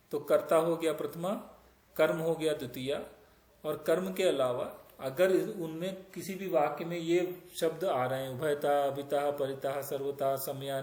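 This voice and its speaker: A man teaches Sanskrit grammar in a slow, patient way, building up each example step by step. His voice sits a little high for a man. The recording is roomy, with a clear echo around him. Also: a little mellow. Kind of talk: grammar lesson, explaining in Hindi.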